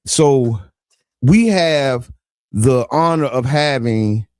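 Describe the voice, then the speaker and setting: A man's voice: mid-range voice, extremely slow, darkish tone, smooth, no echo, clean studio sound. A man co-hosting a morning radio show with playful, joking banter, often repeating phrases for effect.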